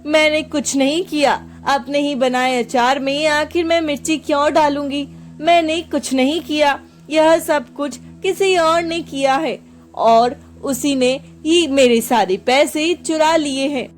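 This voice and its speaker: A woman's voice: sits high, a little slow, soft background music. A woman voicing an old village pickle seller who talks in fussy exclamations. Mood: bewildered.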